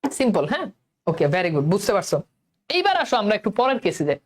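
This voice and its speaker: A woman's voice: mid-range voice, big pitch swings. A young woman teacher with a colloquial Bangladeshi Bengali accent, leading an online lesson and quizzing her students in a coaxing way. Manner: coaxing, quizzes students, repeats words slowly.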